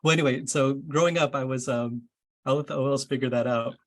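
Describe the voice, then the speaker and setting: This associate dean, a man in his thirties, has a medium-pitched, fairly bright voice with a steady tone and a slightly quick pace. Chatting with incoming students over video in a casual webinar, he rambles in a friendly way and uses lots of fillers. He grew up moving around, largely in Florida, and he's indoors at home or at the office.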